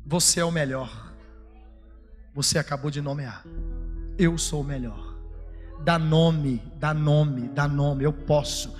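Brief: male preacher, high bright voice, fervent then confiding, church hall with reverb and music under. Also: unhurried, pauses often. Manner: swings from shouted fervor to low confiding talk. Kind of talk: sermon.

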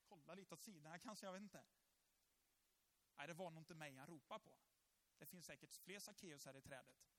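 A man's voice: high voice, bright, forceful tone, long reverb tail. A man acting out a nervous, hated male tax collector who hides in a tree and mumbles to himself. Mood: hesitant, unsure.

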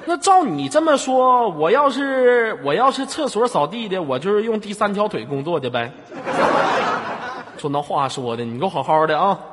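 A man with a Northeast Chinese accent hosting a live stream, teasing a caller in mock anger and bursting into shouts. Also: high-pitched, expressive, brisk, hardly any pauses, big-room sound. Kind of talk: comic teasing chat with a caller. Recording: loud background noise.

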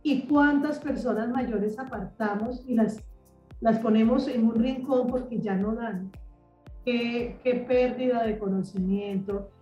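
A woman's voice: fairly high pitch, measured pace, warm tone, roomy sound, far from the mic, muffled recording, faint music behind. A woman in her fifties from Colombia, a guest author speaking eagerly in a radio interview, often repeating words as she searches for them. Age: 50s.

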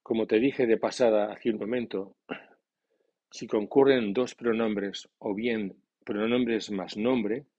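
A man narrating a scripted language lesson, reading out example sentences slowly and with careful stress. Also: on the low side, steady tone, dark tone, husky, no room sound, dull audio. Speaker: English teacher.

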